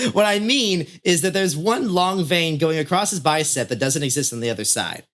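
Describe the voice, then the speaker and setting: A man's voice: fairly high pitch, expressive, moderate pace, fairly bright tone. A man hosting a casual podcast chat. He laughs often, talks in an easygoing, playful way and tends to ramble and trail off mid-thought. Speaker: host.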